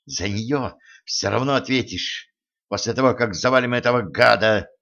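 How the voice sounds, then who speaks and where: A man's voice: mid-range voice, moderate pace, gravelly, pushed and bright, highs cut off. A man voicing a fierce, impatient warrior princess. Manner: bloodthirsty, impatient, pushy. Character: fierce hot-tempered young woman warrior princess.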